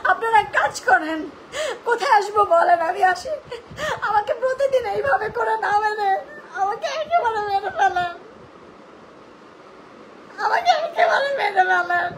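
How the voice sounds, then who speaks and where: A Bangladeshi woman sobs through an emotional live plea in a very high, wailing voice. Her crying is snotty and tearful, and she repeats phrases as she begs her viewers. Some background noise sits on the recording. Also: lively intonation, moderate pace, long pauses, low-quality recording. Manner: pleading, repeats phrases, breaks into wailing shouts. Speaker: live streamer addressing viewers.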